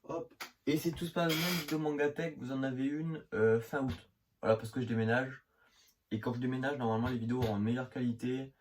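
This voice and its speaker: A young manga vlogger from northern France, with the region's accent, rambles casually about his manga collection, full of fillers and slang. His medium-pitched voice is brisk with fairly even intonation. He's recorded on a phone camera with faint hiss, and crowd noise sits in the background.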